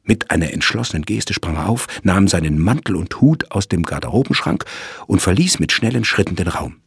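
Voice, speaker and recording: A man reading a crime story aloud in a measured, deliberate way. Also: low-pitched, expressive, vocal fry, slightly rough, dry recording, studio quality. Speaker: narrator. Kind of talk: scripted crime story narration.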